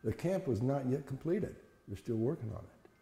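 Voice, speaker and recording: An elderly man shares memories in a plain, conversational storytelling manner that halts now and then. His voice is very soft-edged and dark, with a gravelly creak. The recording rings with the long reverb of an echoey room. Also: medium pitch, expressive, normal speed. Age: older, 70s or above. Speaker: interviewee recounting childhood memories. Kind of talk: conversational oral-history storytelling.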